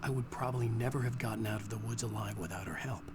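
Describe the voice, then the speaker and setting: A man's voice: fairly low pitch, fast talker, close to an everyday voice. An actor voicing a troubled male writer who narrates in a subdued, reflective way, with some music behind. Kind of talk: game narration.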